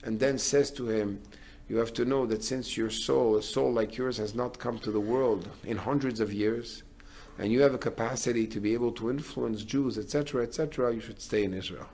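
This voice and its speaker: A middle-aged male rabbi delivers a sermon in a voice of ordinary pitch for a man. He talks earnestly and builds up to emphatic declarations. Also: steady tone, brisk, few pauses, darkish tone.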